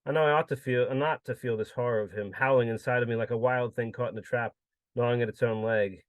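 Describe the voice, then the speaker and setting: A man giving a measured, solemn reading of his own literary prose. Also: medium pitch, fairly even intonation, no room sound. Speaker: contributor reading his story.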